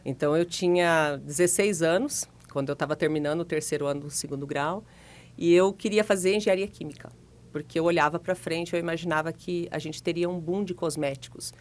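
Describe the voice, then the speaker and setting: Chatty Brazilian woman, lowish voice. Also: steady tone, a little fast, darkish tone. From Paraná, Brazil. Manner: chatty, laughs easily, storytelling. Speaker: guest, financial consultant. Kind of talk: relaxed interview conversation.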